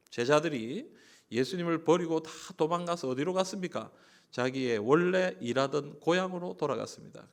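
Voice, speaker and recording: A man from Busan with a Gyeongsang accent, preaching a sermon as pastor, moving between soft conversational asides and emphatic, rising lines. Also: a little high. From Busan, South Korea. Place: church sanctuary.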